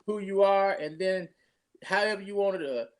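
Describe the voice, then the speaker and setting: A man's voice: high-pitched, moderate pace. A pastor, talking casually and rambling through his introduction of a guest with many restarts.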